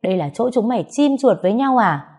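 A woman's voice: a little high, expressive, quick pace, darkish tone, breathy edge, pitched above the performer's own voice. A woman voicing an abusive middle-aged mother who screams insults at her daughter in an audio story. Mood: furious shouting. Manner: screaming insults, harsh and scolding.

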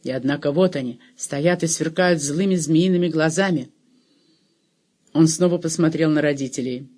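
High-voiced male audiobook narrator. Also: darkish tone. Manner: measured, literary reading. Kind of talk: scripted narration.

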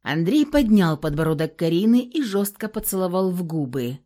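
A woman narrating an audiobook with a dramatic, steady reading. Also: on the low side, normal speed.

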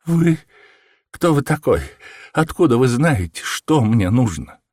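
Scared little man pleading, played by a male reader, trembling voice, pitched up, audiobook, dry recording. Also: very animated, unhurried, darkish tone, dry recording. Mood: frightened. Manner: trembling, anxious questions. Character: frightened small man, nervous and pleading.

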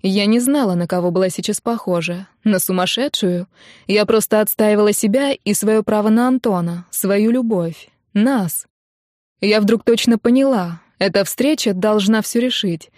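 A woman's voice: medium pitch, darkish tone, no room sound, clean studio sound. Woman reading an emotional first-person audiobook. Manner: emotional, intimate, measured. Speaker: audiobook narrator.

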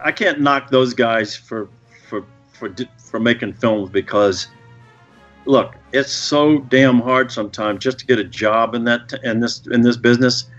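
A man guesting on a podcast, telling stories in an animated way and swearing freely. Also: mid-range voice, unhurried, dull audio, faint music behind. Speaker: film director guest. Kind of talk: podcast interview.

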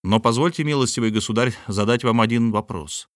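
A man's voice: mid-range voice, fairly quick, no echo, studio quality, natural voice. A man voicing a polite but indignant scholar held captive, speaking formally and pleadingly. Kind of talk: audiobook character reading.

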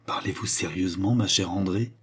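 A man's voice: low voice, brisk, breathy edge, heavily acted. A man reading a protective young brother who urges his sister to keep her voice down. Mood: hushed. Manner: hushed, cautious.

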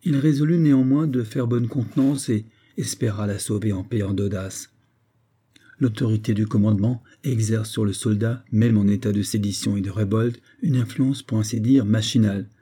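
Man narrating an old novella, deep and dark, measured delivery. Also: husky. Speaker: audiobook reader. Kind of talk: narrating a 19th-century novella.

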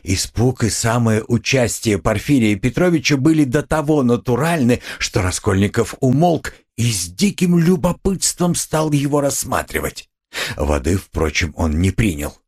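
A man narrating a classic novel as an audiobook, in measured literary storytelling. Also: mid-range voice, sing-song, a little mellow, breathy edge. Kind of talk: scripted narration.

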